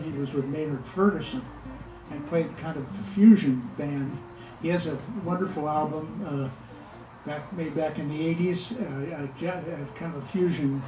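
A man's voice: on the high side, noisy background. Older man, loose rambling talk, dull lo-fi sound in an echoey shop. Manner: rambling, with fillers and restarts. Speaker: musician speaking at an event. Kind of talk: casual remarks to an audience. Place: music shop, indoors. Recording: echoey room from far off, dull lo-fi.

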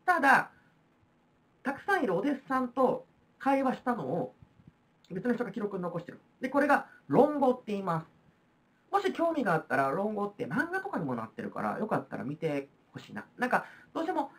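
A woman's voice: mid-range voice, sing-song, brisk. A woman with a Kansai accent teaching a history lesson on video, explaining in a chatty way with frequent fillers. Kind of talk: recorded video lecture.

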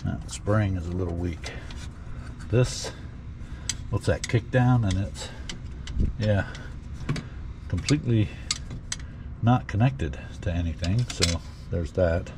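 A man's voice: low voice, slow pace, long pauses. A man working on an old car outdoors, talking to himself with dry jokes as he works. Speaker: garage vlogger. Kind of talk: casual working commentary. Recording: noisy outdoor recording with engine and ambient noise. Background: outdoor ambience and car engine noise.

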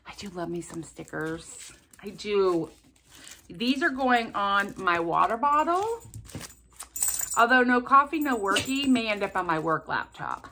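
Here a woman vlogger, opening gifts her subscribers sent, chats casually at a measured pace. Her sharp, medium-pitched voice swings widely in pitch as she gasps and gushes over each one, rambling and jumping between asides. There's slight background noise.

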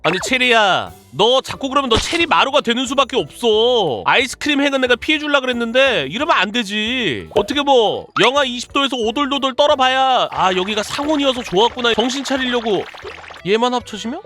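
A woman's voice: on the high side, expressive, brisk, fairly bright tone, faint music behind. A woman streaming a casual game, giving playful commentary and scolding the game pieces as if they were children.

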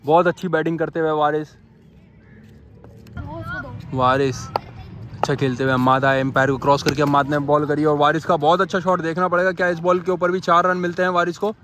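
This fairly high, slightly fast male voice pauses often, with a bit of hiss or hum. The young Pakistani speaker gives ball-by-ball commentary on street cricket at an outdoor dirt ground, filmed on a phone, repeating excited calls and calling out to the umpire.

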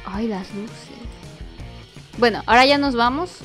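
A woman giving playful commentary on a game, excitable, squealing and shrieking at every fall. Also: fairly high pitch, unhurried, soft background music. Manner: talks to the baby as she plays. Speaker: gaming youtuber.

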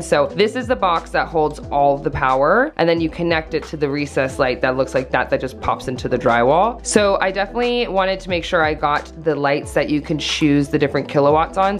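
A young woman giving a chatty, upbeat vlog narration about renovating her trailer. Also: deep voice. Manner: chatty and upbeat, shouts in frustration at times. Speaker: DIY renovation vlogger. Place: small trailer under renovation, indoors.

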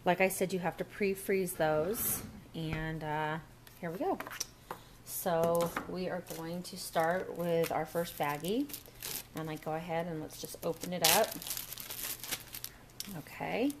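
A woman's voice: fairly low pitch, steady tone, slow, pauses often, background noise. A woman walking through a recipe step by step in a casual kitchen demo at a home counter, recorded on the camera mic. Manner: chatty, step-by-step instructions. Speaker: cooking vlogger.

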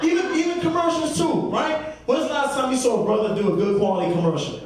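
A man doing animated, slangy stand-up comedy, talking straight to his audience. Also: very high voice, quick pace. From New York City. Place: small comedy club stage. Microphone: handheld stage mic, captured by far camera. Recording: echoey club far off, loud audience.

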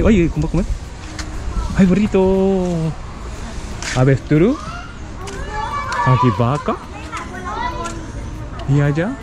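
A man in his thirties with a Japanese accent, chatting casually to a handheld camera as a vlogger, playful and exclamatory, often repeating short phrases. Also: a little high. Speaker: travel vlogger and channel host. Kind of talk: casual vlog chat. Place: outdoors on streets and zoo paths. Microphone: handheld action camera at arm's length. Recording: outdoor recording with background noise.

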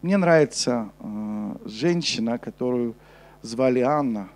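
A young man preaching a sermon on a church stage with a handheld mic, switching between emphatic urgency and a soft, low delivery. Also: expressive, unhurried. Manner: preaching with rising intensity, then dropping soft and low for scripture. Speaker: pastor. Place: church stage before a congregation.

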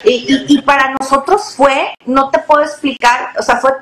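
A woman's voice: high-pitched, steady tone, moderate pace, fairly bright tone. A middle-aged woman, telling a family story in an interview, earnest and repeating words as she goes. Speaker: interview guest. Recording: echoey room.

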